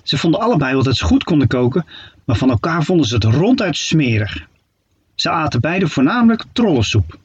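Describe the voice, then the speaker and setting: A man narrating a children's story with playful, expressive delivery. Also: on the high side, fairly quick, breathy edge, dry recording, dull audio.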